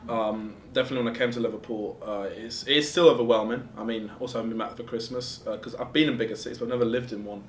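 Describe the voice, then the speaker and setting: Student in his twenties: speaks quickly and haltingly, recorded from a distance in an echoey room. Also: fairly even intonation. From Germany. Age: 20s. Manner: hesitant, searching for words. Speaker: student interviewee. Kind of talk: casual interview answers. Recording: roomy, distant mic with faint rumble.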